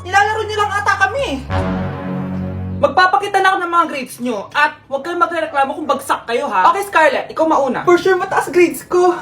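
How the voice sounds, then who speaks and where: High-pitched woman acting comic skits. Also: fairly bright tone. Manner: brash, dramatic, bickering. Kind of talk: comedy skit acting, playing several characters.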